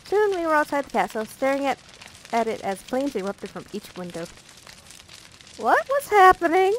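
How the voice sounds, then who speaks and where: A woman's voice: sits high, very animated, normal speed, a little hiss or hum, poor audio. A woman reading a visual novel aloud as a let's play narrator, playful and breaking off for jokey asides.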